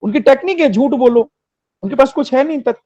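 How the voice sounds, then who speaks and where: A man's voice: very high-pitched, animated, a little fast, warm tone, dry recording. A man giving impassioned political commentary, rhetorical and emphatic, repeating phrases for effect, on a dry, slightly dull recording.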